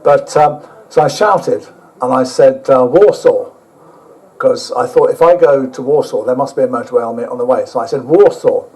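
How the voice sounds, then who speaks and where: A man's voice: medium pitch, steady tone, fairly quick, a little mellow, low-quality recording. Rambling man telling stories. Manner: rambling, self-mocking, humorous, with frequent fillers and casual swearing. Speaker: speaker at an overland motorbike event. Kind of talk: anecdotal storytelling to a live audience.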